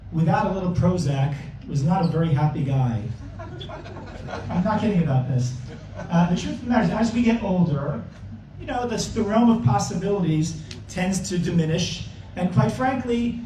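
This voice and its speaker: High-voiced man hosting a gala. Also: warm tone, slight background noise. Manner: joking, plain-spoken. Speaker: host. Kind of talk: introducing a speaker at a gala. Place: banquet hall. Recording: echoey hall, mic far off.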